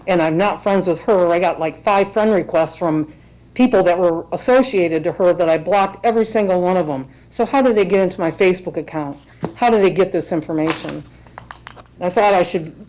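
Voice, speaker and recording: This woman's voice is fairly low and dark, with a little hiss or hum in the background. Acting as her own representative in court, she delivers heartfelt, emotional testimony on a dull lo-fi courtroom recording.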